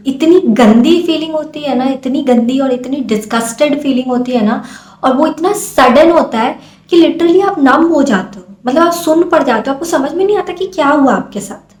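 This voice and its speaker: Young woman from India, vlogger, fairly high voice, earnest and pleading delivery, echoey room. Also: darkish tone. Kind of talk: impassioned talk to camera.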